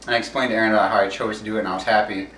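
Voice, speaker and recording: A man's voice: fairly low pitch, little pitch movement, very fast, fairly bright tone. A young man telling a rambling story at a family gathering, full of fillers and restarts. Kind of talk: casual chat at a family gathering. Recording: echoey room from a distance with noise.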